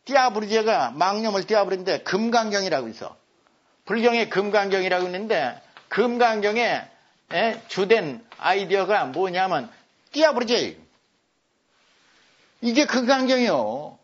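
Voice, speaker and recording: An older man giving a lecture, repeating words for emphasis. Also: sits high. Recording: dull lo-fi recording.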